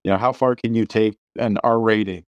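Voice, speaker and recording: A middle-aged man with a somewhat low voice holds forth on movies in casual podcast talk. He circles back on his words and restarts sentences as he presses his points. The sound is dry and close. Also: fairly even intonation, fairly quick, no echo, highs cut off. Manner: opinionated, many restarts and repeated words. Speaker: podcast host. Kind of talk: casual film discussion.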